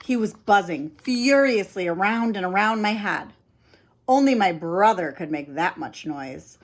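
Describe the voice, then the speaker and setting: Breathy lady reading a kids' story, super animated, pitch all over the place. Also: a little slow. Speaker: storybook reader. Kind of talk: expressive read-aloud narration.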